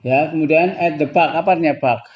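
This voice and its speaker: A man with a fairly high voice, heard through dull audio, leads a classroom lesson on English pronunciation. His explanations are slow and patient, switching between two languages, with chuckles slipping in now and then.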